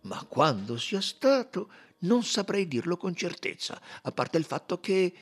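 A man reading an audiobook, voicing a stiff, gruff older British army colonel who talks in clipped, grumbling, hesitant phrases. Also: high-pitched, big pitch swings, a little slow, pitched above the performer's own voice, exaggerated voice.

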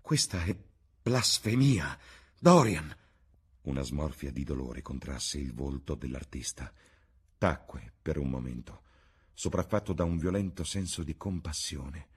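Man reading a novel out loud, deep husky voice, measured pace. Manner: measured literary narration. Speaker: narrator. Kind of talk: audiobook reading.

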